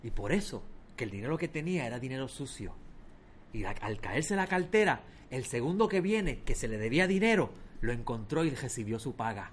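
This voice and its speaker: A man voicing a calm, patient male rabbi in a low, soothing voice. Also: brisk, slight background noise, natural voice.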